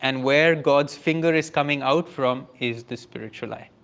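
A man giving a spiritual yoga lecture, earnest and often laughing, dropping to a soft hush for emphasis. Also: medium pitch, normal speed, clear, resonant tone. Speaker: yoga teacher.

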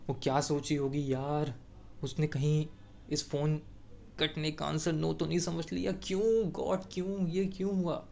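A man's voice: a little high, flat delivery, measured pace, vocal fry, a little mellow, slight background noise, pitched above the performer's own voice. A man voicing an eager, flustered young man who reassures and jokes with his former partner in a told story. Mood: frustrated. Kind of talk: storytelling role-play.

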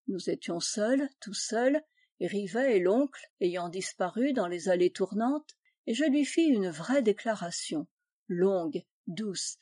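Mellow woman reading a classic tale. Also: mid-range voice, no room sound, clean studio sound. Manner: measured, expressive storytelling. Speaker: audiobook reader.

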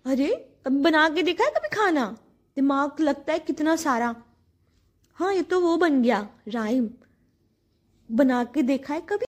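A woman's voice: high voice, expressive, takes it slowly. A woman in her thirties telling comic housewife stories in a chatty, exasperated way. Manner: chatty, exasperated storytelling with acted-out quotes. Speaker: housewife comedian. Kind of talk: comic monologue.

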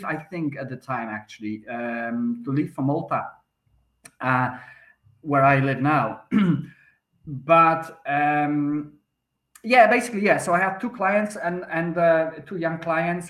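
Unhurried and a bit bright, with a slightly high voice, this Polish-accented man in his thirties responds to a podcast interviewer in a long, conversational way. He hesitates a lot, restarting and filling gaps, and the sound is roomy with echo.

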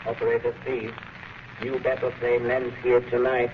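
An actor playing a cold, businesslike male spy sending a clipped shortwave message, replayed from a record in an old radio drama. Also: mid-range voice. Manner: monotone, clipped message delivery. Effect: slowed shortwave broadcast played from phonograph. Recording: tinny, noisy vintage radio transmission.

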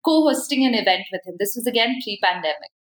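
A woman's voice: medium pitch, expressive, fast, roomy sound. A woman with an Indian accent explaining things conversationally and emphatically, often acting out imagined dialogue.

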